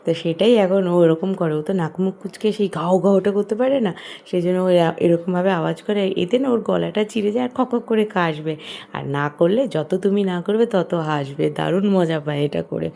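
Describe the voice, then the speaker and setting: Soft-spoken Bengali-accented woman with gravelly fry. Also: lowish voice, fairly quick. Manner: soft-spoken, chatty narration. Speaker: vlogger mother. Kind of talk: voice-over narration.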